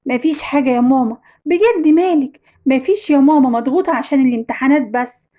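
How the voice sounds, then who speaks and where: An earnest Egyptian teenage girl, voiced by a woman storyteller, with a high voice. She speaks in a pleading, heartfelt manner. Her words carry the strain of someone who is worried for her mother. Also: quick pace, mellow, close to an everyday voice. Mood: distressed. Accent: Egyptian Arabic. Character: teenage daughter, upset but loving.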